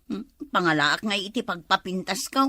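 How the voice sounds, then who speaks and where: A woman playing Lorna, a loud nagging wife in a comedy drama who scolds and shouts at her husband. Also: medium pitch, expressive, normal speed, dry recording, clean studio sound. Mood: chatty. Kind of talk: comedy web drama acting.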